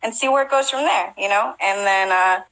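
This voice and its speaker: A young woman as a guest in a casual interview, talking relaxed with lots of fillers and frequent laughs. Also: medium pitch, a little fast, rough recording. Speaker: guest, breaking event organizer.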